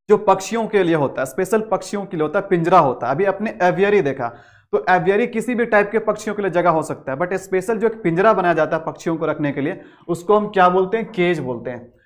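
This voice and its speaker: High-voiced male English vocabulary teacher. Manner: repetitive, asks the class questions and answers them; mixes Hindi with English words and definitions. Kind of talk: explanatory lesson.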